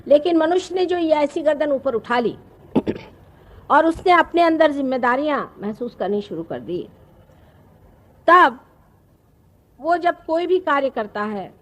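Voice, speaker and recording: A woman, giving a slow, explanatory spiritual discourse with pauses. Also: high-pitched, lively intonation, fairly bright tone. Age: 50s. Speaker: spiritual teacher. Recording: archival talk recording.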